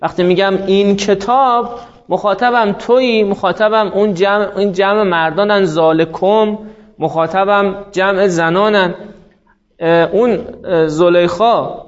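A man with a high-pitched voice teaches a grammar lesson in a patient, explanatory way, pausing to draw out example words slowly. The recording sounds dull and lo-fi, with little top end. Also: steady tone.

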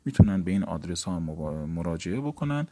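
A man teaching a lesson, explaining grammar step by step and reciting verb forms aloud in a steady drill. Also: low-pitched. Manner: explains step by step, gives book page references. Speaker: teacher of Arabic morphology. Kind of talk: recorded seminary lesson.

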